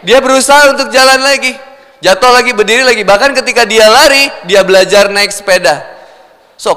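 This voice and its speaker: A man's voice: sits high, sharp tone. A male preacher with a Sundanese accent giving a humorous sermon, playful and acting out everyday scenes. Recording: long hall reverb.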